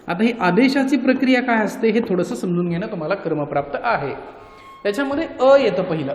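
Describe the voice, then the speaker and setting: High-voiced male teacher in an echoey room. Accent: Marathi. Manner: repeats key points as questions and answers them himself. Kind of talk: grammar lesson.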